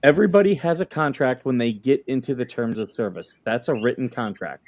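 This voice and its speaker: A man's voice: medium pitch, a little fast, a little hiss or hum, close to an everyday voice. A man playing a defensive, indignant plaintiff in a dramatic deposition reading, with hammy, sarcastic emphasis. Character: defensive, indignant male plaintiff under questioning.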